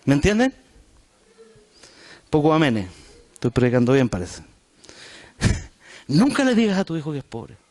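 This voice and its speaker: A man's voice: fairly high pitch, wildly swooping pitch, unhurried, long pauses, darkish tone. A man with a Chilean Spanish accent preaching a sermon in a church, talking directly to the congregation in a conversational way. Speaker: pastor.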